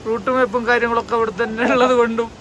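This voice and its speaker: A man's voice: very high voice, level tone. A man chatting casually as a travel vlogger, with some English words mixed in. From Kerala, India. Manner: mixes English words into Malayalam. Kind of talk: casual vlog chat. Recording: loud rushing noise over outdoor audio.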